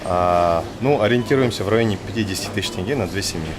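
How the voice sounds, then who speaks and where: A man's voice: lowish voice, fast talker, noisy background. A man in his late twenties, a businessman giving to families, answering thoughtfully with hesitations. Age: late 20s. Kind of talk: interview answers.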